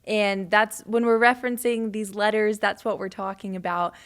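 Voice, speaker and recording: A woman's voice: mid-range voice, fairly even intonation, normal speed. A woman co-hosting a ministry podcast, explaining things conversationally. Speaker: podcast co-host. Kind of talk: casual ministry podcast discussion.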